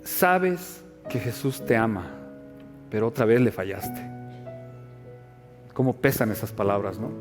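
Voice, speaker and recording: A male pastor preaching a sermon, moving between hushed, searching questions and loud, emphatic passages. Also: medium pitch, long reverb tail.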